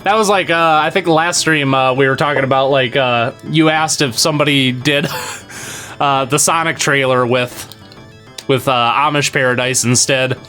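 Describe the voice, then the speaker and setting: Bright-voiced man chatting through a game stream. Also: medium pitch, fairly even intonation, moderate pace, soft background music. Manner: rambling and chatty, full of fillers and casual swearing; talks to chat while playing. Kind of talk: casual live-stream gameplay commentary.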